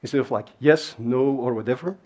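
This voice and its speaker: Brisk and darkish in tone, this man's medium-pitched voice carries a relaxed technical talk across a large, darkened conference stage. His first language is Dutch, and his conversational manner is full of fillers and asides.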